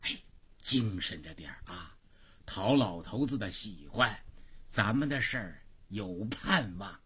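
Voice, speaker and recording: A man's voice: on the low side, lively intonation, a little slow, sharp tone, husky, full character voice. A man doing a brash young Beijing woman. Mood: hushed. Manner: brash and pushy. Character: brash, domineering young woman, boss's daughter.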